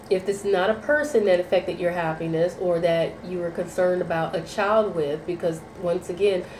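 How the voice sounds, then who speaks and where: In an echoey room with faint noise behind her, a tarot reader with a cold rambles to her viewers, sounding nasal and leaning on fillers and repeated phrases. Her voice is fairly low-pitched and mellow.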